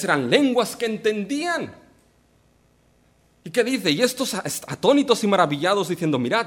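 A man preaching a sermon, asking the congregation rhetorical questions and making playful asides. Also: sits high. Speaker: pastor.

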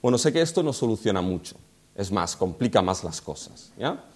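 A man from preaching an expository sermon, slowing down to stress quoted scripture. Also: on the low side, breathy edge. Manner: animated, slows for emphasis on scripture quotes.

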